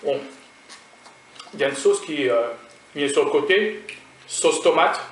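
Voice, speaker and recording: A man from France with a French accent runs a food vlog, tasting food and chatting casually, rambling straight at his viewers. His voice sits on the high side, animated, unhurried and a bit bright. The roomy distant-mic recording carries a little hiss or hum.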